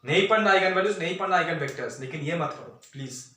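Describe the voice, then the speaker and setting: ऊँची आवाज़ वाला जोशीला गणित शिक्षक, गूँजता कमरा. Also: male voice, a little high, quick pace, far from the mic. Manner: animated, talks straight to students, mixes Hindi and English. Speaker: math teacher. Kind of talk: lecture explaining at a board. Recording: very echoey room, voice from off the mic.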